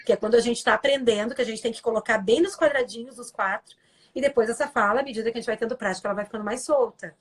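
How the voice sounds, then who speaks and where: Woman, slightly high pitch, earnest, explanatory, live-stream talk, tag questions. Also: very fast, husky. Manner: earnest and explanatory, acts out quoted lines, frequent tag questions. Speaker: guest speaker on a live stream.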